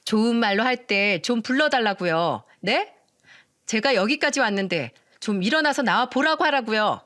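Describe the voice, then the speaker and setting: A woman's voice: on the high side, lively intonation, moderate pace, fairly bright tone, no room sound, studio quality. A woman voicing a rude, greedy young sister-in-law who screams insults and demands money, in a storytelling reading. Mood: screaming. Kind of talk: storytelling radio drama reading.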